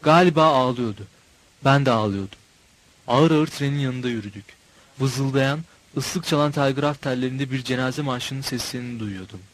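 A man's voice: medium pitch, normal speed, low-quality recording. Man reading a novel aloud. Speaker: audiobook narrator. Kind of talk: scripted narration of a novel.

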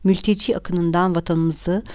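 A woman's voice: lowish voice, fairly even intonation, a little slow, dark tone, dry recording, clean studio sound, lightly acted. A woman reading the lines of a kindly older judge, matter-of-fact and regretful. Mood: resigned. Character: older male judge, kindly but bound by law.

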